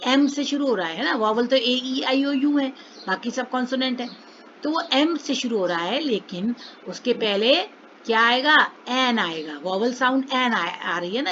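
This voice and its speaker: A woman's voice: a little high, a bit bright, lo-fi sound, slight background noise. Patient woman teaching English grammar. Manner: patient, repeats sounds and asks checking questions. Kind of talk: explaining grammar to children with slides.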